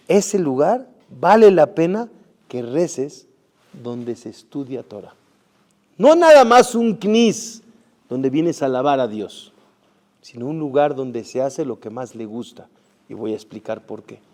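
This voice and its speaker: A middle-aged rabbi giving a Torah sermon, emphatic, with rhetorical questions and Hebrew terms mixed in. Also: male voice, mid-range voice, very animated, slow, long pauses. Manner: emphatic, rising and dropping loudness, rhetorical questions to the audience; sprinkles Hebrew terms into Spanish.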